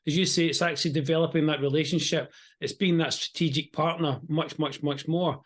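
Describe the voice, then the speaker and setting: A man's voice: fairly high pitch, steady tone, a little fast. A man with a strong Scottish accent, hosting a conversational interview. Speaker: interview host.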